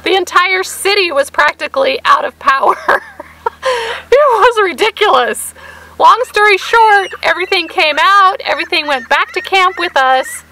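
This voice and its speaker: A woman co-hosting a vlog with a crackly, hoarse voice, chatting casually and telling stories in an animated way. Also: very high-pitched, normal speed. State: hoarse for weeks. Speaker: vlog co-host. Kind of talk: casual chat to camera.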